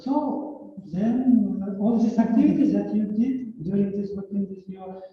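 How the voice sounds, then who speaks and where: A middle-aged man with a Kazakh accent addressing a meeting informally in halting, non-fluent English. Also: high voice. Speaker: teacher and programme alumnus. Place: echoey indoor meeting room. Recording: very echoey room, distant muffled mic, faint noise.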